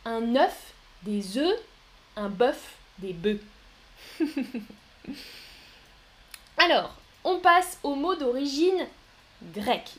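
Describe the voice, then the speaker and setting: A woman giving a live pronunciation lesson, speaking slowly and carefully, repeating each word and laughing softly now and then. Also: sits high, animated. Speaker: French teacher.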